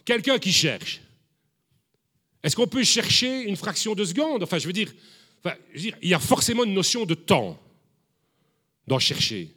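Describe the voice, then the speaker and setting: A male preacher delivering a sermon with a lively, swooping voice that leaps up and drops low. He often repeats himself and checks in with his listeners with quick questions. His voice sits a little high for a man. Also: slightly rough. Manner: animated, repeats words, asks the congregation questions.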